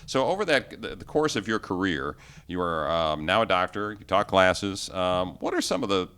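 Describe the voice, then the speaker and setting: A man from New York State hosting an interview show, upbeat and quick with short replies. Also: sits low, sing-song, a bit bright, clean tone. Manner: brisk, upbeat, quick back-channel replies. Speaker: radio show host.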